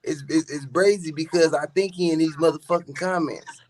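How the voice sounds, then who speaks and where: A man with a fairly high voice chats casually as a live stream host. His talk is slangy and repetitive, with a protesting manner. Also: steady tone, moderate pace.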